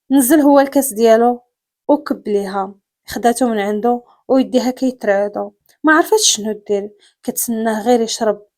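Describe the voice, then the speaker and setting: A woman with a Moroccan accent narrating a dramatic story in a steady storytelling manner. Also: a little high. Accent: Moroccan Arabic.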